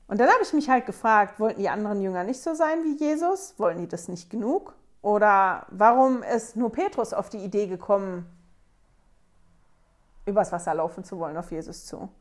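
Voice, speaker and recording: A woman hosting a casual scripture study, thinking aloud and retelling a story conversationally. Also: mid-range voice. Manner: conversational, wonders aloud, acts out quotes. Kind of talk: casual Bible study talk.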